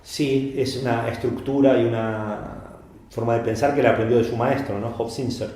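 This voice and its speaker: Animated man in echoey room. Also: mid-range voice, moderate pace, a little hiss or hum. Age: middle-aged. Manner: animated storyteller, many fillers and repeats. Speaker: podcast co-host, magician. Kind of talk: casual explanatory chat.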